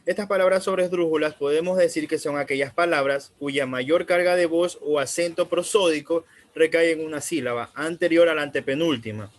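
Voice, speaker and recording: A man's voice: a little high, fairly quick, few pauses. A male student giving a formal class presentation, reading from slides and asking for the next one.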